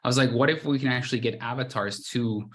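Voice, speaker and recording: A man's voice: medium pitch, fast talker. A man from Guatemala, a brand founder, giving a casual conference presentation over a video call, with frequent restarts and fillers.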